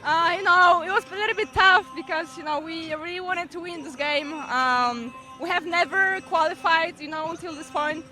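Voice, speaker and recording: A woman's voice: very high voice, moderate pace, hardly any pauses, over music, rough recording. A young woman athlete answering in a post-game interview, conversational and a little hesitant. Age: young adult.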